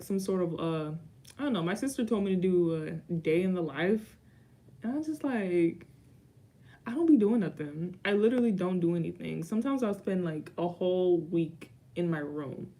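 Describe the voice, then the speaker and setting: A young YouTuber in her twenties, whose first language is Haitian Creole, answers viewer questions in a rambling, casual vlog chat peppered with dry asides. Her voice is lowish and mellow.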